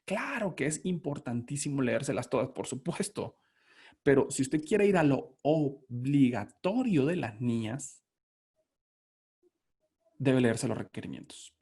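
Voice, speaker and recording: Male lecturer, husky tone, emphatic, answers his own questions. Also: mid-range voice, animated, unhurried, darkish tone. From Colombia. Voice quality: emphatic, repeats key words, asks and answers own questions. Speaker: lecturer on auditing standards. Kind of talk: conference lecture.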